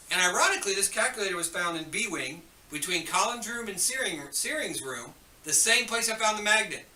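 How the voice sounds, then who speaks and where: A man's voice: fairly high pitch, pushed and bright, echoey room, recorded from a distance, slight background noise. A man giving chatty, joking school morning announcements, turning stern when he scolds students, heard over the school intercom.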